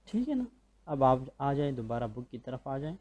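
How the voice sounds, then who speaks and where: Man, Pakistani accent, school teacher, recorded lecture, patient and repetitive, warm mellow tone. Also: mid-range voice, very animated. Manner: patient, repeats points and checks understanding.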